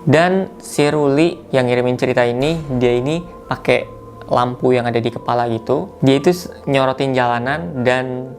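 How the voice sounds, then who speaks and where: A man's voice: mid-range voice, moderate pace, a little hiss or hum. A man casually retells a listener's mountain horror story as host, talking loosely with slang fillers and self-corrections.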